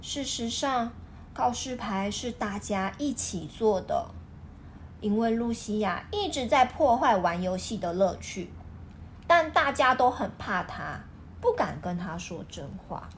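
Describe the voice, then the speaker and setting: A woman's voice: on the high side, measured pace, a little hiss or hum. A woman reading aloud to a toddler, expressively explaining and asking simple questions in a teacherly way. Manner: expressive, questioning, teacherly way of talking to a small child. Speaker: parent reading a picture book with a child.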